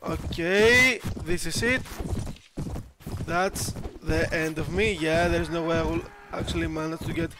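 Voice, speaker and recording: A man's voice: a little high, steady tone, measured pace, noisy background. A man commenting casually on his gameplay, often frustrated and swearing as he plays. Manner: frustrated, swearing, laughing at himself. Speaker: gameplay streamer.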